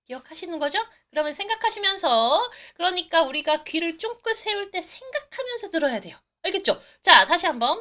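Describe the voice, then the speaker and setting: A Korean woman teaching a live online English test-prep lesson. She coaxes her viewers along and repeats English phrases slowly for drills. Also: high-pitched, pushed and bright. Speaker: TOEIC English instructor.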